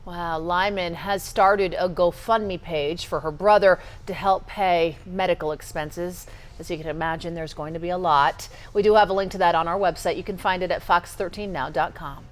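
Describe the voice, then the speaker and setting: A woman news anchor reading studio copy in a polished, even way. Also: lowish voice, normal speed.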